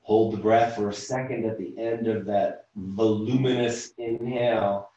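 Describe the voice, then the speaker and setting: A man leading a yoga class as instructor, calmly talking students step by step through breaths and stretches over a video call. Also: on the low side, muffled recording. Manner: slow, calm step-by-step cueing of breath and movement. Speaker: yoga instructor and physical therapist. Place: room at home, teaching over video call. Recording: very echoey room, voice from far off the mic.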